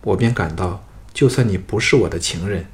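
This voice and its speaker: A man reading the lines of a scheming, vengeful young noblewoman in a soft, subdued voice. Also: low voice, normal speed.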